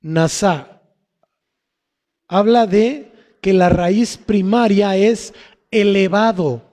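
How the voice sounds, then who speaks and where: Slow, high-voiced male preacher in a reverberant hall. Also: a little mellow. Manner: slow, emphatic preaching with rhetorical questions. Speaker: pastor. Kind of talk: sermon. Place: church hall.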